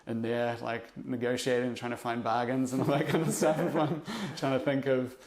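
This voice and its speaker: A young investor with a New Zealand accent, appearing as a guest on a casual podcast, thinks back over his past in a slow, reflective way, often pausing, using fillers and starting sentences over. His mid-range male voice is a little mellow and shows little pitch movement.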